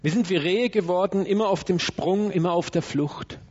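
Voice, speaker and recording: A man's voice: high voice, normal speed, darkish tone, breathy edge. A man preaching a sermon in a church, speaking emphatically and turning to address people in the room. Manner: emphatic, with acted quotes and direct asides to listeners. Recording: dull, lo-fi sermon recording.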